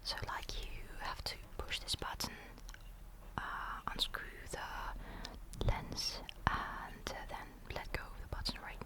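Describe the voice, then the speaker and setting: A woman whispering through an ASMR show-and-tell of a camera, hesitant and often searching for the right word. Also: takes it slowly. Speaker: ASMR host.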